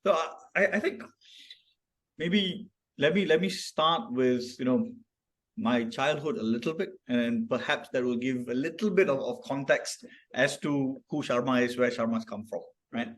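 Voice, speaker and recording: A man's voice: mid-range voice, unhurried. A man from Malaysia, a founder guest on a podcast, telling stories reflectively, with many restarts and tag questions. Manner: reflective, storytelling, frequent restarts and "right?" tags. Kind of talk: casual podcast conversation.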